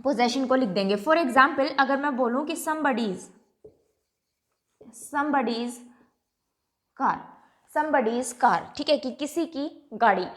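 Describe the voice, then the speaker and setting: High-voiced woman teaching grammar. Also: lively intonation. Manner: repeats each point and checks if it is clear; draws out example words slowly. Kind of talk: classroom lecture. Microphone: writing on a board.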